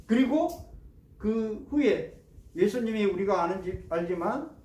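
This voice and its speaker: A male pastor delivers a sermon in a high, mellow, expressive voice, speaking a little slowly. He asks the congregation questions and acts out prayers and complaints, and the distant mic in the church sanctuary makes it sound roomy.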